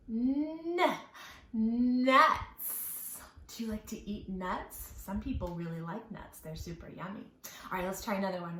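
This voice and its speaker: Songs and questions fill this children's storytime lesson, led by a woman whose encouraging, playful speech and singing use careful, exaggerated enunciation for little ones. She has a fairly high, fairly bright voice in a reverberant setting.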